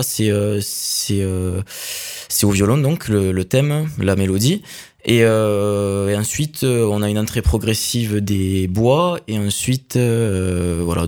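Hesitant low-voiced young man. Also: a little mellow. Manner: hesitant, many fillers. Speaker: accordionist guest. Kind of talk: casual interview answers.

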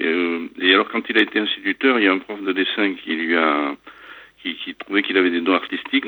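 A man, a museum founder, answering questions in a phone interview, hesitant and trailing off quietly at the ends of phrases. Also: low-pitched. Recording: tinny phone line.

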